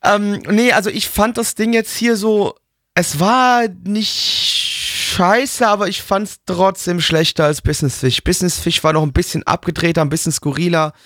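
A man's voice: high voice, normal speed, fairly bright tone, dry recording, clean studio sound. A young man co-hosting a casual anime review, bantering in a crude, mocking, slangy way. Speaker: co-host of an anime review talk.

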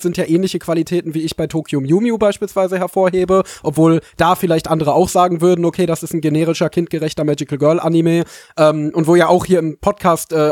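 A man's voice: on the high side, darkish tone, no room sound, studio quality. A man co-hosting a podcast in casual chat, hesitant and reflective with fillers. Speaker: podcast co-host.

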